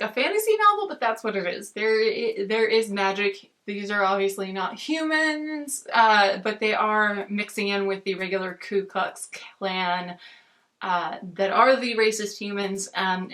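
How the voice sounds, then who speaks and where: An American woman with a bright, forward voice at an ordinary female pitch gives a casual book review. She rambles in a halting way, often breaking off and rewording her thoughts. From United States. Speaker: book reviewer on a video channel. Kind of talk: casual book chat to camera.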